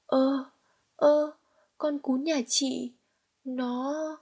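A woman voicing a flustered, stammering middle-aged village man in a storybook reading, with a husky, breathy voice. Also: a little high, moderate pace, darkish tone.

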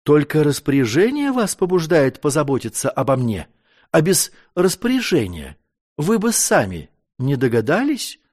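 A man's voice: huge pitch swings, moderate pace, darkish tone. A man voicing a frightened, pleading young noblewoman in a storybook reading. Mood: plaintive. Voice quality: high and pleading.

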